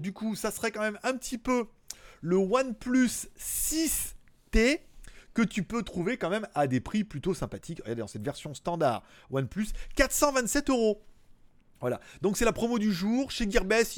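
Guy doing his daily tech show, rambly and slangy, kinda high voice, dry close sound. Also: no echo. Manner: chatty, rambling, slangy asides. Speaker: tech YouTuber host. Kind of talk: casual chat.

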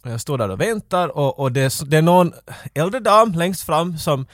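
A man chats casually on a podcast, his fairly high voice swinging widely as he rambles through a story. He restarts phrases often, and the sound is dry and close. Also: expressive, no room sound. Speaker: podcast co-host.

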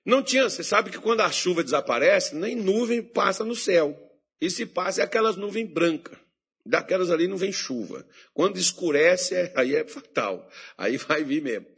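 A man's voice: sits high, lively intonation, moderate pace, gravelly, a bit bright, husky. A man preaching a sermon as pastor, building to emphatic, rising exhortations.

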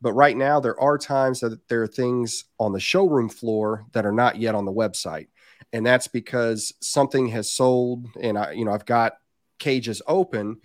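A man's voice: medium pitch, fairly even intonation, normal speed, dry recording, clean studio sound. A man with a southern Indiana accent near the Kentucky border, chatting casually and candidly as a podcast guest. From southern Indiana, United States. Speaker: podcast guest, reptile business owner.

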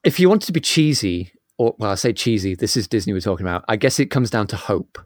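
A man co-hosting a casual film chat, animated and joking. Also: fast, no echo, studio quality. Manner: animated, joking, jumps into high exaggerated quotes. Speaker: podcast co-host. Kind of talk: casual chat about films.

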